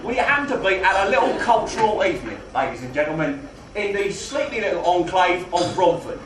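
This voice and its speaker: A man playing a mock-genteel, faintly menacing gangster compère, delivering comic stage patter with grand words and drawn-out emphasis. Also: sits high, sing-song. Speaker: burlesque show compère in comedy double act. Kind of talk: live comedy patter addressed to audience. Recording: roomy live venue, distant mic, faint noise.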